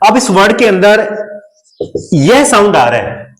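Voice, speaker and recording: Slow, animated Indian teacher drilling words. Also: male voice, high-pitched, reverberant, poor audio. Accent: Indian English. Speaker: English grammar teacher. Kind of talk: classroom-style grammar lesson.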